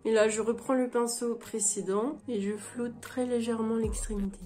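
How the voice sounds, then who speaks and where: A woman narrating a makeup tutorial as a beauty vlogger, explaining each step in a relaxed way. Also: fairly high pitch, moderate pace. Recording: music playing behind the voice.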